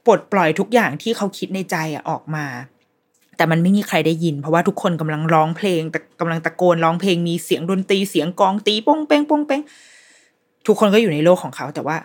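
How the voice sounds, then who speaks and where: Talking fast in a fairly low voice, a woman on her podcast gives a casual review of a TV series. Her retelling of scenes is lively and full of restarts.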